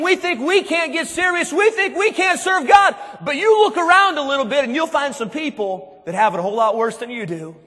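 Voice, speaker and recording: A man preaching a sermon to a youth conference, emphatic, dropping low and quiet and then rising to shouts. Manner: emphatic, swings between hushed and shouted. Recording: long hall reverb.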